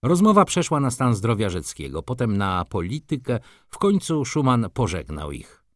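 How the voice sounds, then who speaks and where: A man narrating a classic novel as an audiobook in a calm, low-key way. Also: moderate pace, no echo, clean studio sound.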